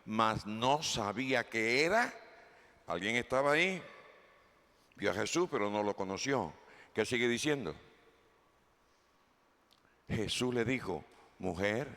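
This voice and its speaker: A man's voice: lowish voice, a bit bright. A man preaching a sermon as pastor, reading scripture aloud and putting questions to the congregation. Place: church hall. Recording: long hall reverb.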